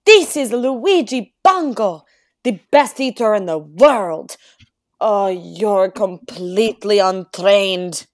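A woman's voice: mid-range voice, animated, slow pace. A woman playing a blunt, matter-of-fact Soviet trainer.

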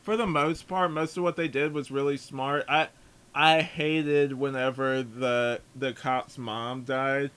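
A man's voice: medium pitch, fairly even intonation, takes it slowly, fairly bright tone, clean tone. A man chatting casually as he reviews a film, rambling and leaning heavily on filler words. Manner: rambling, filler-heavy, says "like" often. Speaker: podcast movie reviewer.

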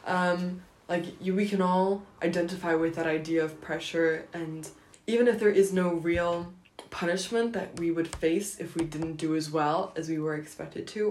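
A woman's voice: fairly low pitch, fairly even intonation, unhurried, hardly any pauses, darkish tone, a little hiss or hum. A woman in a casual group chat about films, summing up points with emphasis. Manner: emphatic, summarizing others' points. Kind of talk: casual film discussion. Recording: echoey room with faint clicks.

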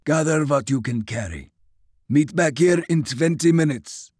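A stern, commanding soldier, as a male narrator puts him on, clipped and loud, his pitch pushed up above the narrator's. Every sentence lands like an order. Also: measured pace, slightly rough, no echo, studio quality.

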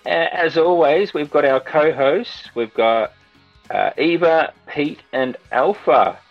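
A man's voice: a little high, slow pace, no room sound. Aussie guy hosting a podcast, chatty and informal, bit muffled with music under it. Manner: informal, says mate. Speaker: podcast host. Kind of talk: casual podcast chat with co-hosts.

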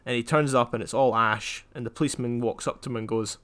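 A young man from Scotland in casual podcast chat, telling jokes in a flat deadpan way and wandering off on tangents. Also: mid-range voice, fast. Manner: deadpan, rambling joke-telling. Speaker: podcast co-host.

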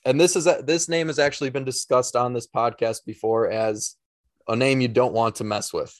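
A man co-hosting a casual podcast, with a middling pitch and an easygoing, halting way of talking. He often restarts his sentences. The sound is dry and close, with almost no room echo. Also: fairly even intonation. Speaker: podcast co-host.

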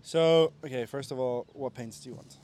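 A man's voice: medium pitch, normal speed, dark tone, slight background noise. A man hosting a casual podcast chat, recorded outdoors in a park gazebo, with dry, wry remarks. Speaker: podcast host. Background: birdsong and faint Christmas music.

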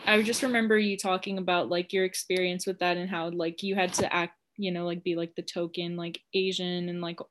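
Brisk, with few pauses and little pitch movement, this young podcast co-host speaks in a lowish voice over slight background noise. She's chatty and frank, leaning heavily on "like" throughout.

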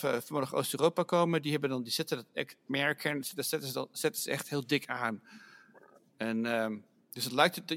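A man's voice: mid-range voice, creaky, fairly bright tone. Rambling male podcast host. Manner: rambling, self-interrupting questions. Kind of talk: casual podcast chat.

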